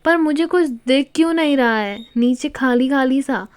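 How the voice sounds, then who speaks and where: A woman voicing a drunk, playful young wife who teases and whines, a little higher than usual. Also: normal speed, close to an everyday voice. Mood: teasing. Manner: petulant, whiny shouting.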